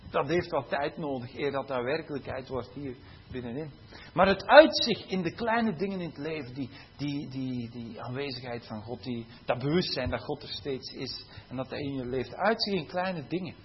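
A man preaching a sermon in a conversational, animated way, with tag questions and laughing at his own stories. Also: mid-range voice, moderate pace, highs cut off, slight background noise.

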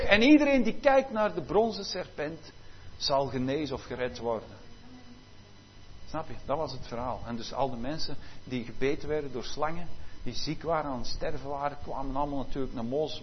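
A man preaching a sermon, dropping to quiet asides and rising to loud proclamations. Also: medium pitch, a little hiss or hum. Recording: dull lo-fi sound with faint ambience.

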